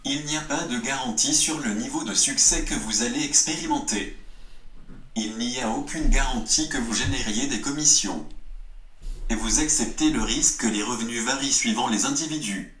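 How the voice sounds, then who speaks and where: A man's voice put through a robot voice effect, reading a legal disclaimer in a steady, even way. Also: medium pitch, moderate pace, echoey room, slight background noise, rough recording.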